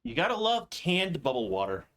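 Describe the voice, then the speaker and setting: A man's voice: on the high side, wildly swooping pitch, normal speed, fairly bright tone. A man giving casual gameplay commentary as a streamer, sometimes reading choices aloud. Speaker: game streamer. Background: game music.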